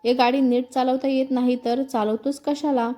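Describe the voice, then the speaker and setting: A woman voicing a proud, hot-tempered young woman in a storybook reading, sharp and bossy when she scolds. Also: high voice, flat delivery, moderate pace, natural voice. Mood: angry.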